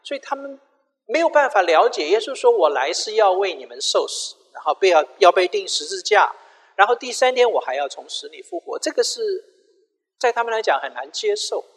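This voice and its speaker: Lively high-voiced man preaching in a hall. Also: fairly quick. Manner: retells scripture with quoted dialogue, mixing in English phrases. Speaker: pastor. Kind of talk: sermon.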